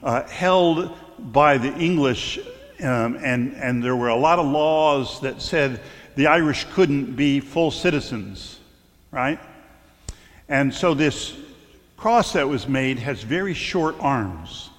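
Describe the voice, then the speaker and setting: A middle-aged man delivers a sermon in a loose, storytelling way. He stumbles and restarts now and then, his voice at an ordinary pitch. The sound carries a long reverb, as in a large church hall. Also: animated, slow pace. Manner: conversational storytelling with stumbles and fillers. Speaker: clergyman.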